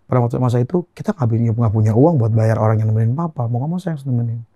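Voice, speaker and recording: A young Indonesian guest gives an earnest personal testimony, speaking quickly in a dark, mellow, mid-range voice while halting and repeating phrases. The recording is dry and close, with little room sound.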